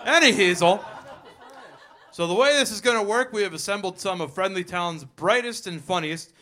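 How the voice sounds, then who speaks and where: A man with a high, sharp voice and moderate pace co-hosts a live comedy show, explaining the rules playfully, joking around and laughing often.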